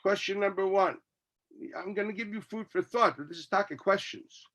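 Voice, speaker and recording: A man's voice: high voice, normal speed, fairly bright tone. A man gives a Talmud class as a rabbi, reading text and arguing through it with his own questions and answers.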